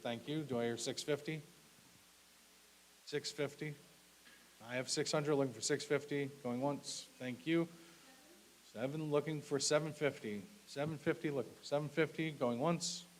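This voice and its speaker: This live-auction auctioneer, a man with a medium-pitched voice, delivers clipped, repetitive bid calls and lot announcements with polite asides and thanks. The recording is rough, with a clearly audible background hiss.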